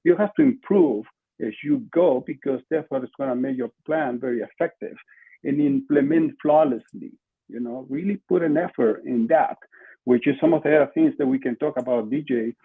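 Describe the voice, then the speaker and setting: As a podcast guest, an older marketing entrepreneur from Lima, Peru converses over a video call, repeating things for emphasis in a Peruvian Spanish accent. His medium-pitched voice has a breathy edge and moves at a moderate pace. Recorded indoors in a small home room on a desk-distance computer mic, the sound is muffled and lo-fi.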